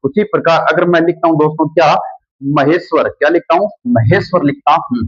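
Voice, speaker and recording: A man's voice: fairly high pitch, a little fast, slightly rough, dry recording. A man teaching a grammar lesson, repeating each key word back as a question to his students. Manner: calls students "friends" often. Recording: dull lo-fi sound.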